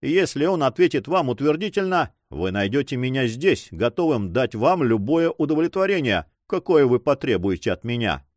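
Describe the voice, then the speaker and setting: A man's voice: medium pitch, very animated, normal speed, few pauses, a little mellow, dry recording, pitched above the performer's own voice, lightly acted. A man voicing a stern, commanding but magnanimous older nobleman, speaking solemnly in an audiobook.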